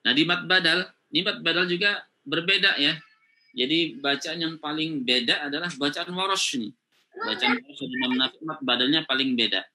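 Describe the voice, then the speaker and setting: A man's voice: on the high side, normal speed, sharp tone, a little hiss or hum. A man teaching Quran recitation rules in an online class, explaining step by step with frequent "ya" and "gitu ya" checks.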